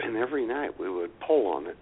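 With frequent laughter and an eager storyteller's relish, this comedy radio co-host engages in casual banter. He talks at a quick pace in a fairly low, animated, slightly rough voice, heard through a tinny line that sounds like a phone.

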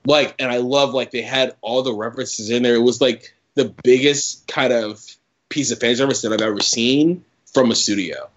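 A man's voice: medium pitch, dull audio. A man talking as a guest on a casual podcast, enthusiastic and filling his speech with "like". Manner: enthusiastic, lots of "like" fillers. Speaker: podcast guest, entertainment reporter.

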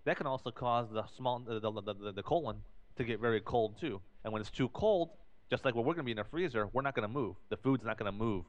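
A man's voice: medium pitch, fast talker. A man in casual podcast talk, explaining at length and often repeating and restarting his phrases. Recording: dull lo-fi recording.

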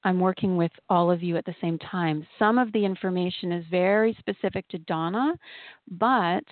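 A woman hosting a spiritual podcast, speaking in a soothing, gentle, unhurried way with pauses, like a guide leading a meditation. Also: lowish voice, no echo. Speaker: podcast host and channeling healer. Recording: thin phone-like sound.

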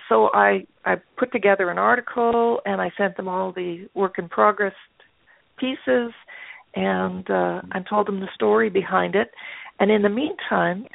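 A woman's voice: medium pitch, vocal fry, no room sound. An older woman, a guest artist, telling stories in a chatty, anecdotal way with plenty of fillers. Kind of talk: casual interview storytelling. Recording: tinny phone-line audio.

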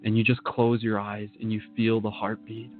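A man leading a guided meditation in a slow, soothing manner, speaking to the listener in the second person. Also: lowish voice, level tone, phone-quality sound, faint music behind.

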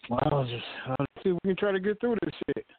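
Male co-host, fairly high voice, calling in over choppy glitchy phone audio. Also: quick pace, dry recording. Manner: loose, profane, animated. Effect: glitchy, breaking-up phone call audio. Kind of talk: casual radio show chat.

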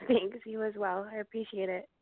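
Radio caller: woman with a gravelly voice on a thin, dry phone line, soft and thankful. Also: mid-range voice, little pitch movement, a little fast, noisy background.

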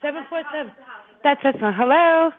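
Female caller, open and friendly, casual chat in a slightly raised pitch over a narrow phone-like line. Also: normal speed. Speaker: caller to a psychic medium's show. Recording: narrow, muffled phone call audio.

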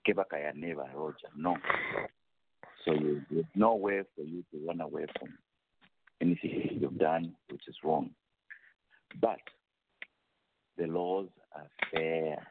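Deep gravelly man preaching over a phone line. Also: steady tone, a little slow, long pauses, slight background noise. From Zambia. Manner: preaching, emphatic, declamatory. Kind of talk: impassioned testimony.

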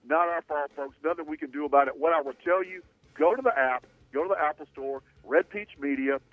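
A man's voice: fairly high pitch, brisk, no room sound. A man hosting sports talk radio, talking in an opinionated, conversational way, heard through a fuzzy, distorted radio signal. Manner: opinionated, conversational, rhetorical questions. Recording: tinny distorted AM radio broadcast, dry.

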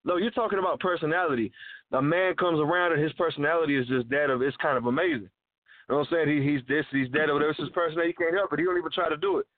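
Blunt fast-talking man, dry lo-fi audio. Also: on the high side, dry recording. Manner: blunt, insistent, profane. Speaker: radio co-host. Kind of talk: casual street-slang chat.

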